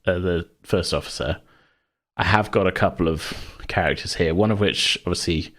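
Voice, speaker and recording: Talking about a game he runs, this deep-voiced podcast host keeps things loose and rambling, musing aloud. He moves at a moderate pace with a somewhat bright tone.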